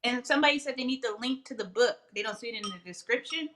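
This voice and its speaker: A woman guest cook on a live cooking stream, excited and laughing as she tastes her dish. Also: a little high, fast, a little hiss or hum. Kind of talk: casual live cooking chat.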